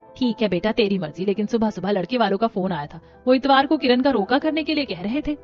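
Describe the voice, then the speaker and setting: A man voicing an older, caring mother-in-law in an animated story, gentle and concerned. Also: high-pitched, quick pace, voice pushed up, close to an everyday voice. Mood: calm. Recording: dull lo-fi with music.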